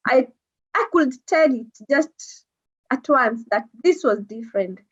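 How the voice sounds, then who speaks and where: A woman's voice: high-pitched, expressive, a little slow, slightly rough. A woman from Kenya with a Kenyan accent, a guest talking casually in an interview, hesitant with many fillers and easy laughs. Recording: dull lo-fi sound.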